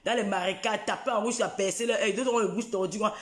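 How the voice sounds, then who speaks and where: A man's voice: sits high, fairly even intonation, fast, a bit bright, roomy sound. A man, ranting in a live video in a taunting, repetitive, mocking way. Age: 40s.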